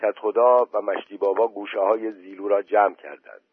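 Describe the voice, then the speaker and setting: A man with a husky voice reading a story aloud in a plain, steady storytelling manner. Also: on the low side, no echo. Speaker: narrator. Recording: dry tinny phone-like voice message.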